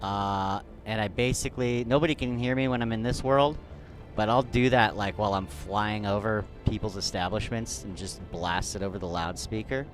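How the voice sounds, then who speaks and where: Chatty, low-voiced male streamer. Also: normal speed, faint music behind. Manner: chatty, rambling, many restarts. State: dry throat. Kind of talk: casual live-stream chat.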